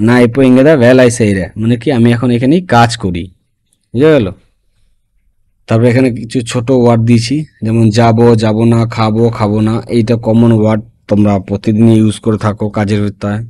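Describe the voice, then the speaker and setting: A man's voice: medium pitch, dark tone. A man teaching a spoken language lesson, explaining phrase by phrase and often checking in with his listeners.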